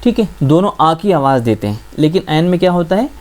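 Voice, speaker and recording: A man teaching the Urdu script as a patient teacher, asking his listeners questions and answering them himself, repeating each point slowly. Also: a little high, very animated, darkish tone. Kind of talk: classroom-style script lesson.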